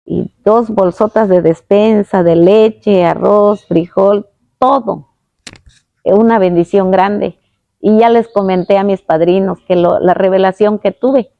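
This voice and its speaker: A woman telling a personal faith testimony, earnest and halting, with many restarts. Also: mid-range voice, fairly even intonation, creaky, no echo, muffled recording. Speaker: guest giving a testimony.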